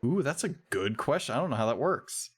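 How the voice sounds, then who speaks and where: This is a man running a tabletop game as dungeon master. His voice sits at an ordinary mid pitch. He hands down rulings in a dry, matter-of-fact way. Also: very animated, fairly quick, a little hiss or hum.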